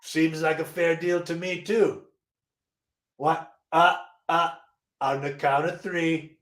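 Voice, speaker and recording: A man's voice: on the high side, little pitch movement, slow, a bit bright. Man with slick salesman patter, improv. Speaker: improv comedian. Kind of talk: improvised character comedy.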